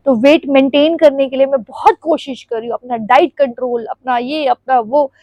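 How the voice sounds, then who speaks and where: High-voiced chatty young woman vlogger. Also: moderate pace, no echo, lo-fi sound. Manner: rambling, confiding, laughs often. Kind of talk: casual chatty vlog. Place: at home, standing before the camera.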